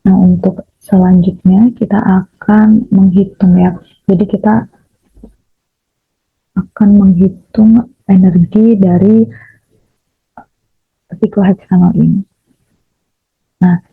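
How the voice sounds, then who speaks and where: A young woman explains a computer tutorial step by step, pausing often on fillers. Her voice is gravelly and very raspy, in a flat delivery. The audio is dry and thin, as if over a phone line. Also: medium pitch, no echo. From Indonesia. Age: young adult. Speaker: chemistry education student. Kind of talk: software tutorial screencast.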